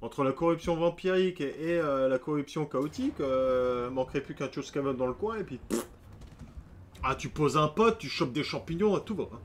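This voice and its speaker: A man's voice: fairly high pitch, normal speed, a little hiss or hum. A man streaming a strategy game, chatting casually and joking with his viewers. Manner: chatty, joking asides to chat. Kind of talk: casual live-stream commentary.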